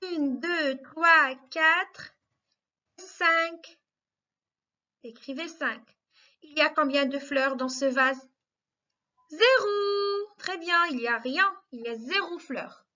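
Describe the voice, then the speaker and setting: A woman kindergarten teacher giving a remote lesson to small children, speaking slowly and clearly, repeating and spelling out sounds and praising often. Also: sits high, lively intonation, pushed and bright, lo-fi sound.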